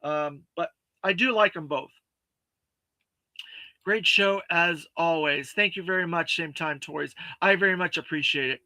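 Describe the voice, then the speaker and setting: A man hosting a toy review livestream, chatting casually and reading viewer comments, halting with many fillers and thanking viewers earnestly. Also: fairly high pitch, bright, forceful tone, no echo. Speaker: toy review show host.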